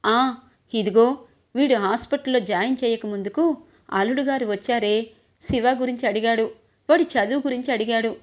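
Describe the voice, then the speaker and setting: A woman voicing an anxious older mother who pleads softly with her daughter. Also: on the high side, moderate pace, pauses often, close to an everyday voice.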